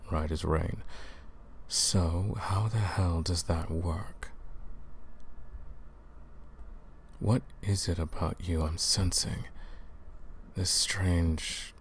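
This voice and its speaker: A man performs a centuries-old vampire hunter for a roleplay audio drama, questioning the listener in a deliberate, stern, commanding way. His low voice comes with a slight hiss or hum, and he sounds suspicious yet intrigued.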